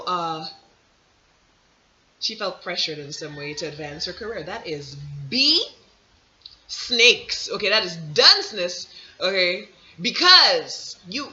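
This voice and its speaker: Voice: mid-range voice, bright, forceful tone. A vlogger talking in a rambling, digressive casual monologue, full of restarts, slang and emphatic "let me break it down" asides. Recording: dull lo-fi audio.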